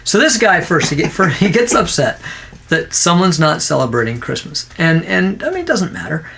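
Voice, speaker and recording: A man's voice: on the high side, sing-song, normal speed, gravelly, a little hiss or hum. Sarcastic ranting man with a Minnesota accent. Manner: ranting, sarcastic, swings into loud mocking voices. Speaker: podcast co-host. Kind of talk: casual chat.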